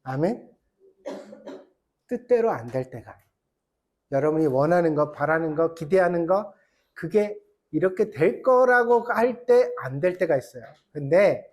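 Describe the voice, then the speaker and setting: Animated, exhorting pastor preaching a sermon. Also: mid-range voice. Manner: impassioned, exhorting with rhetorical questions; wry self-deprecating asides. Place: church.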